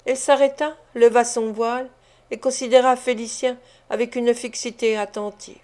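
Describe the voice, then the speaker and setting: A woman narrating a classic literary story in a measured, expressive reading. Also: on the high side. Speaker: audiobook narrator.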